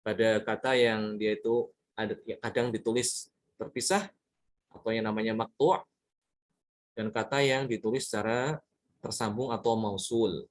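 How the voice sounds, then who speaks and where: A man's voice: on the low side, fairly even intonation, moderate pace, long pauses. A man teaching Quran recitation rules in a lesson. He talks patiently, repeating words and examples and checking in with his listeners often. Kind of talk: tajwid lesson explaining examples.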